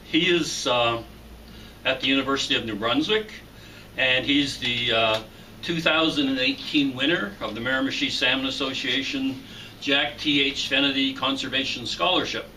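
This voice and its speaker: A man conducting a formal interview, reading his introduction in a measured way and asking questions. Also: medium pitch, sharp tone. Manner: measured, reads introduction slowly. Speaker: interviewer for a salmon association. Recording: far from the mic with faint noise.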